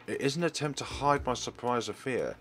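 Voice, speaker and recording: Reading game text from a visual novel, this male let's player performs it expressively yet formally, stumbling slightly now and then. He speaks briskly in a medium-pitched, slightly bright voice, with slight background noise.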